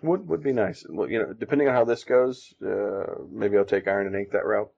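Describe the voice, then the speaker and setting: A man co-hosting a casual podcast, talking in halting, self-deprecating stops and restarts. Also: lowish voice, gravelly. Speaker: podcast co-host and comic artist. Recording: dull lo-fi sound.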